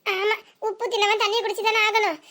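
A woman voicing a calm, sensible young village wife in a cartoon, speaking with a Tirunelveli Tamil accent in a reassuring way. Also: very high voice, quick pace. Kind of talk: cartoon voice acting.

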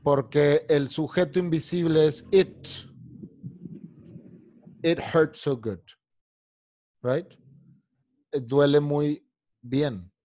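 A man's voice: on the high side, steady tone, extremely slow, long pauses, a little mellow. A man teaching an online English class, explaining in Spanish and drilling pronunciation by singing along to lyrics. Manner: irritated, scolding a heckler.

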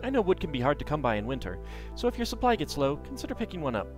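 A man's voice: on the high side, very animated, racing, music in the background. A man voicing friendly, helpful small-town villagers as he reads their letters in a video game. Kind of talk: reading game letters in light character voices.

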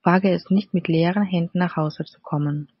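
A woman's voice: fairly low pitch, fairly even intonation, normal speed, slightly rough. A woman voicing a nagging, greedy fisherman's wife who scolds and demands, in a storybook reading. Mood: scolding. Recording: slightly dull, dry recording.

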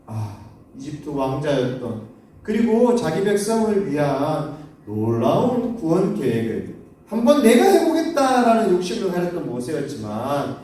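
A man tells a Bible story to children in a sermon and keeps asking them questions. His voice is high and swings widely in pitch. He sounds distant from the mic in a very echoey church sanctuary. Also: a little slow. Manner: animated, asks the children questions. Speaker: children's pastor. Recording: echoey church hall from far off.

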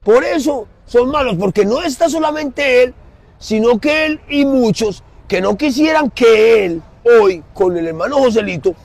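A middle-aged man with a Colombian Spanish accent preaching emphatically in an outdoor city plaza, swinging from loud to soft. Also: extremely high pitch, measured pace, creaky, no echo. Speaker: street preacher. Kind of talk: impassioned street sermon.

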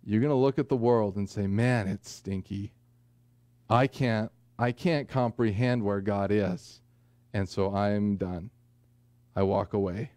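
A man in his forties preaching a sermon from a small church pulpit, earnest with folksy asides and slow, deliberate emphasis. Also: lowish voice, mellow, no room sound. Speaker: pastor. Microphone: pulpit microphone, far camera.

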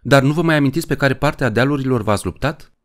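A man doing an eager, raised-pitch young boy. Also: lightly acted. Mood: curious.

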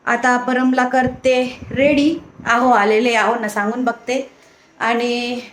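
High-voiced doting mother vlogging. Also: flat delivery, takes it slowly, slight background noise. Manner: chatty and doting, coaxing a small child. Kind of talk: casual family vlog narration.

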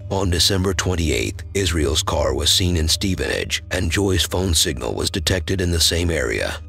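A deep, gravelly man narrates a true-crime story in an even, solemn tone. His voice is husky and low, with soft music underneath.

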